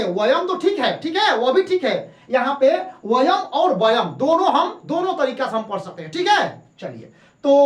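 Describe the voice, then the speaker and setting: A woman teacher gives a lesson, repeating each point and asking questions that she answers herself. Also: high-pitched. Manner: repeats points and asks rhetorical questions, then answers them. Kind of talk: classroom-style lesson. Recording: echoey room.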